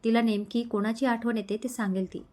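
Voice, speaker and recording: A calm, composed young man, as a woman storyteller reads him. He speaks evenly and protectively, and his voice sits a little high. It is a storybook romance. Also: brisk, natural voice.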